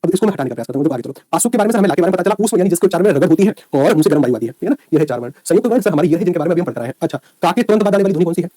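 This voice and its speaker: A man's voice: a little high, lively intonation, mellow, dry recording, clean studio sound. A man teaching an online exam-prep lecture, repeatedly checking in with his students. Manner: rapid, repetitive checks with students.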